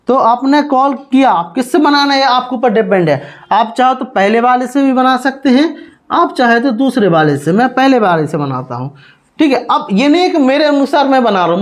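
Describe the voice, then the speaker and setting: A man teaching English grammar as a step-by-step lesson, explaining slowly, spelling words out letter by letter and often checking in with "okay". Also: very high voice.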